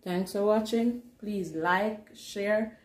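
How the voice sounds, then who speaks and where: In her home kitchen, a woman hosting a cooking vlog gives a casual recipe demonstration, speaking slowly in a mid-range voice. The kitchen sounds roomy and echoey, with faint hiss.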